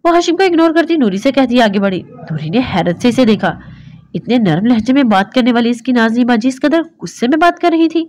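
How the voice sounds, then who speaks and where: A woman reading a romance novel aloud in a steady storytelling voice. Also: a little high, fairly quick. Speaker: narrator.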